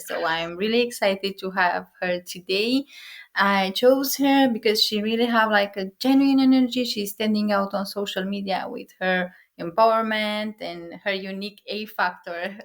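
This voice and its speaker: A woman hosting a podcast, introducing her guest and asking questions with enthusiasm. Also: medium pitch. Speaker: podcast host. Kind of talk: podcast interview.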